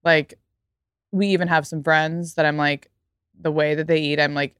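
A woman's voice: low-pitched, level tone, normal speed, fairly bright tone, clear, resonant tone, no echo, clean studio sound. A young woman hosting a podcast, talking casually and emphatically with lots of "like". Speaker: podcast host. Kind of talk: casual podcast chat and read ad.

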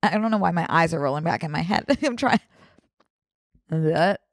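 A woman with a lively, swinging intonation chats as a podcast co-host. She is playful and informal, and the recording is dry and close. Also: low-pitched, moderate pace, dry recording. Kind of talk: casual chat.

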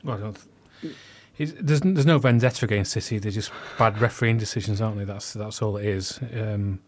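A man speaking as a podcast panelist, halting with repeated restarts. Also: on the low side, slight background noise. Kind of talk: casual chat.

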